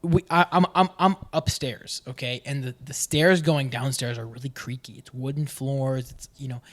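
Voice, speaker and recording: A man's voice: mid-range voice, steady tone, normal speed. A young man on a casual podcast who tells a long story and keeps restarting his sentences. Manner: rambling, stumbles over restarts while telling a story. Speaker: podcast co-host. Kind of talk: casual chat.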